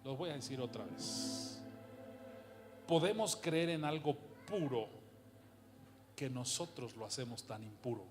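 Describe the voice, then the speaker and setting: A man preaching a sermon with passion, asking rhetorical questions and swinging from hushed to loud. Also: mid-range voice, animated, unhurried, long pauses, music in the background.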